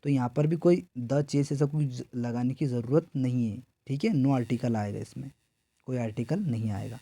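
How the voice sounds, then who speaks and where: A man's voice: medium pitch, moderate pace, warm tone, dry recording. A man from India teaching an exam preparation grammar lesson. He keeps asking his own questions and answering them, and he repeats each answer several times. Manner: repetitive call-and-response questioning.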